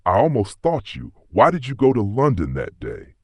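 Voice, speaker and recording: A man's voice: on the low side, wildly swooping pitch, normal speed, slightly rough, dry recording, studio quality, voice pushed up, heavily acted. A man voicing a shaken young wife who talks in an anxious, pleading way.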